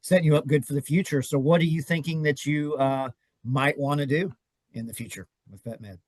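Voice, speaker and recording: A man's voice: fairly high pitch, fairly quick, no echo. A man hosting a podcast interview, friendly and encouraging with hesitant fillers. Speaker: podcast host.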